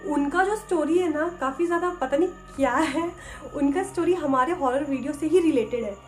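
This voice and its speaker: High-voiced woman retelling a ghost story. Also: fairly quick. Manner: retells viewers' stories, mixes English words in. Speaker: co-host. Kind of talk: casual horror story chat. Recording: faint music behind the voice.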